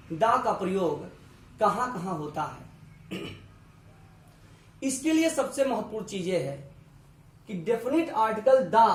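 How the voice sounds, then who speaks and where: Slow, patient male teacher in echoey room. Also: high-pitched, recorded from a distance. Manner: slow, repeats each point, asks if it is clear. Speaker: English teacher. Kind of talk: classroom grammar lesson.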